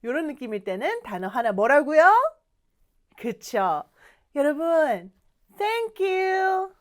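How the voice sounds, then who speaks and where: A woman's voice: a little high, lively intonation, unhurried. A young woman teaching English to learners in an online lesson, coaxing and acting out little dialogues.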